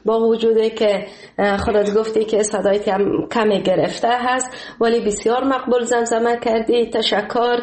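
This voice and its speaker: A woman's voice: a little high, little pitch movement, darkish tone. A woman with an Afghan Dari accent hosting a radio call-in show, courteous and full of praise for her callers. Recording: echoey studio sound.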